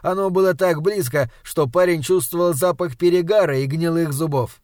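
A man's voice: fairly high pitch, moderate pace, darkish tone, no echo, studio quality. A man reading an audiobook aloud in scripted narration, storytelling evenly and acting out the dialogue. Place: home recording setup.

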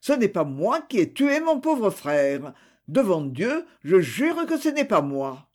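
A man's voice: high-pitched, very animated, takes it slowly, heavily acted. A man voicing an indignant accused man. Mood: desperate. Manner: vehement, indignant. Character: accused man pleading his innocence.

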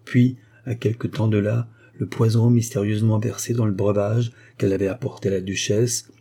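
A man reading a classic novel aloud as an audiobook, measured and expressive. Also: lowish voice, breathy edge. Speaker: audiobook narrator.

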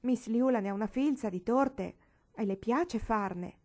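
A woman's voice: on the high side, a little slow, mellow. A woman reading aloud, voicing a proud, pious young girl who scolds sharply and sulks. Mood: tearful.

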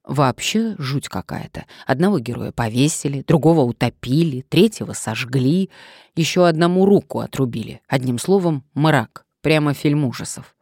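A chatty, flippant female editor , voiced by a woman narrator, in an audiobook. She talks in exclamations with lively swings of pitch over a low, mellow voice. The sound is dry. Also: normal speed, husky, no echo, heavily acted.

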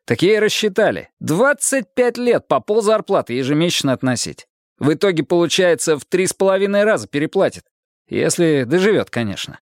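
A man's voice: a little high, big pitch swings, a little fast, no echo, clean studio sound, voice pushed up. A man voicing a coarse, hot-tempered police duty sergeant who talks bluntly and swears. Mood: grumbling.

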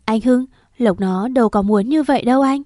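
A tearful woman of the household, pleading gently and quickly on the young man's behalf, as a narrator voices her. The recording is dry and close. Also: fairly high pitch, no room sound, close to an everyday voice.

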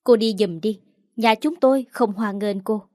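A woman's voice: medium pitch, normal speed, dark tone, dry recording, studio quality, close to an everyday voice. A woman narrator voicing a scornful older woman who speaks in a mocking, contemptuous way.

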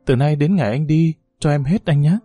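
A man's voice: on the high side, a little fast, warm tone, husky, no echo, faint music behind. A man reading the part of a passionate young village woman, pleading and intimate in a story.

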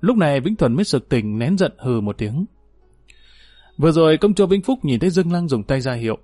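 A man's voice: mid-range voice, a little mellow, dry recording. A man narrating a historical novel, reading steadily and lifting his voice when characters speak. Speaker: audiobook narrator.

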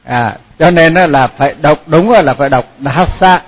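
A man teaching a Buddhist chant, repeating each syllable slowly and then explaining the pronunciation in casual talk. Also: on the high side, highs cut off. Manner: slow, repeats syllables for pupils to echo. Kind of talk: chanting lesson.

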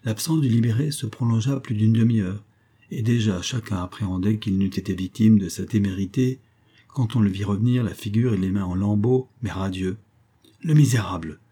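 A man reading a classic adventure novel aloud in steady, scripted audiobook narration. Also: lowish voice, fairly quick, husky. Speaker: audiobook reader.

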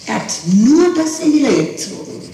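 Her voice is high and mellow, swinging widely in pitch at a normal pace, as this middle-aged woman insistently explains and repeats herself to a questioning prosecutor. The noisy, distant archival tape echoes, since she sits far from the mic in a reverberant room.

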